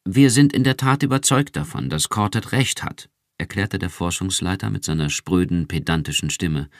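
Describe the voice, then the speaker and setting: A brittle, pedantic male research chief lectures in a low voice, as a man reading the audiobook puts him on. The recording is dry and close. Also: moderate pace, no echo.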